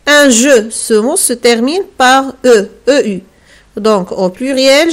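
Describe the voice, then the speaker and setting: A woman with a Moroccan accent teaching a French grammar lesson to young pupils, spelling words out slowly and carefully, letter by letter. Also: sits high. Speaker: primary school French teacher. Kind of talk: recorded remote French lesson.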